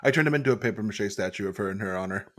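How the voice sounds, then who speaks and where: A man's voice: on the low side, racing, fairly bright tone. A man in his thirties co-hosting a podcast, trading casual comedic banter with playful, absurd interjections. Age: 30s. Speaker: podcast co-host.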